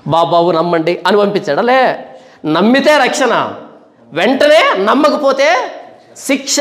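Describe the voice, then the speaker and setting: Casting: male preacher with a high voice, fiery emphatic sermon delivery, echoey room. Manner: emphatic, fiery, full of rhetorical questions.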